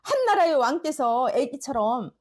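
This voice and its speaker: A woman's voice: high voice, very animated, normal speed, darkish tone. A woman pastor voicing a scheming queen who coaxes her sulking husband in a sugary, wheedling tone. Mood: coaxing.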